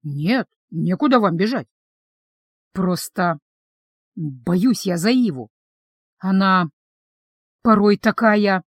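A woman voicing a taciturn young male vampire who speaks quietly and hesitantly. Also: lowish voice, expressive, takes it slowly, slightly rough, no room sound, studio quality, exaggerated voice. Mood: worried.

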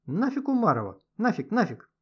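A man's voice: a little high, sing-song, a little fast, husky. A man voicing a cocky, blunt teenage ringleader who talks in slang, in a storybook reading. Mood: cocky, brash. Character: brash bossy teenage boy ringleader. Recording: dull lo-fi audio.

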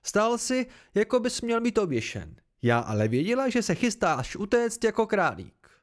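A man's voice: high-pitched, expressive, pitched above the performer's own voice. Man voicing a fierce blunt swordswoman. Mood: triumphant.

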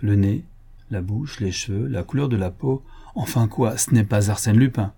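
A man's voice: on the low side, moderate pace, vocal fry, mellow, husky. A man voicing an old, uneasy male police inspector in an audiobook, speaking earnestly and insistently.

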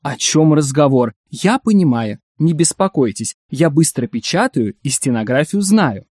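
A man's voice: on the high side, expressive, measured pace, a little mellow, no room sound, studio quality. A man voicing a cautious, pudgy male clinic director in a story reading. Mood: guarded. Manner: cautious, guarded. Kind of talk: audiobook character reading.

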